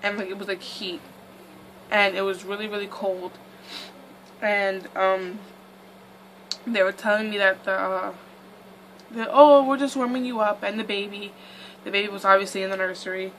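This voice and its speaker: A young woman chats through her storytime, rambling and filling gaps with "like" and "um". Her voice is bright and clear, with a faint background hum. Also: medium pitch, little pitch movement, normal speed, long pauses, low-quality recording. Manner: chatty, rambling, lots of "like" and "um". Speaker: vlogger. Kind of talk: casual storytime.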